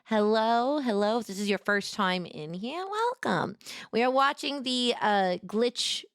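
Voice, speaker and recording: A woman's voice: on the high side, a little slow, smooth, no echo, clean studio sound. A woman from New York hosting a casual livestream as a VTuber, chatting in the manner of a diner waitress with effusive, sing-song greetings. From New York, United States. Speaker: VTuber streamer and host.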